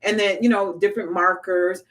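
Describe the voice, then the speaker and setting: A woman giving a casual motivational talk to small business owners, telling stories in an animated way and acting out the voices she quotes. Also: medium pitch, normal speed.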